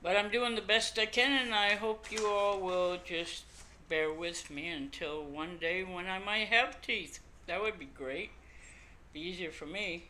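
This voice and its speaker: Slow, toothless older woman, lips over gums. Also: fairly low pitch, bright, forceful tone. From Canada. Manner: rambling, folksy, self-deprecating. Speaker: podcast host. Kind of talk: casual chat to camera. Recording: noisy amateur home computer recording.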